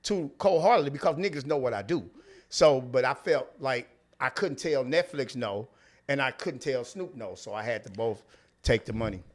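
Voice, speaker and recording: A man's voice: medium pitch, lively intonation, moderate pace. A man with a St. Louis accent chatting candidly on a podcast as a comedian guest, slangy and profane, repeating phrases for emphasis. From St. Louis, United States. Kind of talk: candid casual podcast chat.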